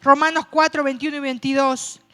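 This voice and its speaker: A woman pastor preaching a sermon, telling a personal story in a chatty way and slowing down to stretch words for emphasis. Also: high voice, flat delivery, bright, forceful tone, faint music behind.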